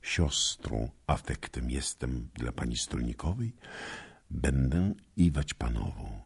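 A man voicing a modest young noblewoman who speaks softly, almost in a whisper. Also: extremely low pitch, animated, slow, vocal fry, husky, full character voice. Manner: soft, hushed, nearly whispered.

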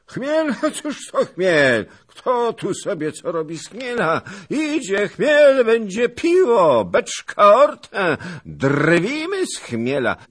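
A man voicing a boastful, blustering old nobleman who scoffs loudly and theatrically. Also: on the low side, huge pitch swings, measured pace, slightly rough, voice pushed up, full character voice. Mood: mocking bluster.

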